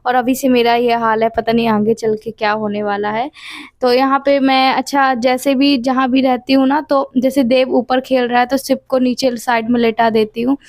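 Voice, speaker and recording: A woman's voice: a little high, little pitch movement, normal speed, a little mellow, no room sound. A woman in her late twenties, chatting casually in a home vlog and telling her story at length with small repeats. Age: 20s. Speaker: vlogger and mother.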